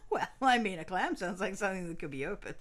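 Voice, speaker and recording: A woman's voice: mid-range voice, animated, a little fast. A woman co-hosting a let's play, teasing and giving hints in casual chat. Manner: teasing, laughs often, gives hints.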